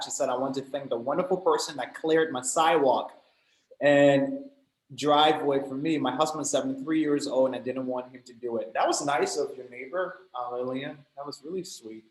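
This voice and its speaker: A man's voice: medium pitch, a little fast. A man coordinating an online class, chatting in an upbeat way and laughing easily on a video call. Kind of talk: casual chat. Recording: echoey room.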